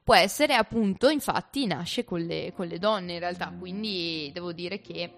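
A woman's voice: lowish voice, moderate pace. A young woman with an Italian accent co-hosting a casual, playful chat. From Italy. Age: young adult. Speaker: co-host of a university talk show. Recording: faint music under the voice. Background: music.

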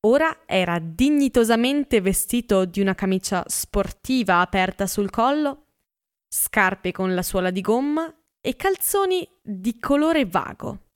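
A woman narrating a literary audiobook in a measured, expressive reading. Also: mid-range voice, clear, resonant tone, no echo, clean studio sound.

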